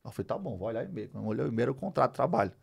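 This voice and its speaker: A middle-aged Brazilian man telling a personal story as a podcast guest, animated, acting out the dialogue as he goes. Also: mid-range voice, racing, creaky, husky. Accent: Brazilian Portuguese. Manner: animated, acts out dialogue, many fillers. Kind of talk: storytelling in a casual interview.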